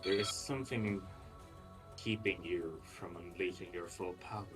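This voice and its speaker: A man's voice: sits low, steady tone, measured pace, over music, voice pushed down, low-quality recording. A man playing a proud, honor-bound young male noble swordsman who speaks formally and with measure.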